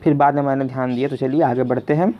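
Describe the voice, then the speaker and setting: Speaking quickly in a steady, mid-range voice, a quiz teacher and video host leads an exam lesson through questions and answers. He addresses listeners as friends and says each question more than once, all captured in a dull lo-fi recording.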